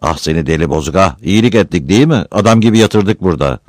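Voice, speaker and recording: A man voicing a gruff, bossy village coffeehouse man who grumbles and gives orders. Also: low-pitched, lively intonation, fast talker, no echo, studio quality. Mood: grumbling.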